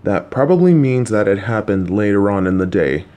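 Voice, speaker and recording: Lowish, warm and natural, this man's voice is animated and moves at a moderate pace. He acts out a listener-directed audio roleplay as a patient, supportive, slightly clueless middle-aged dad, calmly coaxing and reassuring his child with jokey asides along the way.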